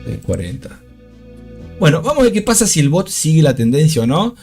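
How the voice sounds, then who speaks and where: A man with a Rioplatense Spanish accent hosting a live trading stream, talking fast about charts. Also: a little high, faint music behind. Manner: fast, animated talker.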